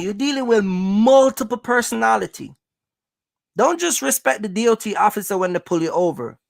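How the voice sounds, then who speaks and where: A Jamaican trucking business coach hosts with a noticeably creaky, mid-range, slightly bright voice, recorded dry with no room sound. The host gives casual motivational advice directly to viewers, speaking emphatically, repeating points, and regularly checking that listeners are following.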